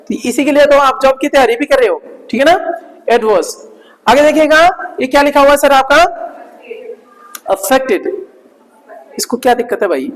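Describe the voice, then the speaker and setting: A man leads a vocabulary lesson for job-exam students. He repeats key words slowly and keeps stopping to check that the class follows. His voice rings with a long hall reverb. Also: extremely high pitch. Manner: keeps asking "ठीक है ना?" between explanations. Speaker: teacher.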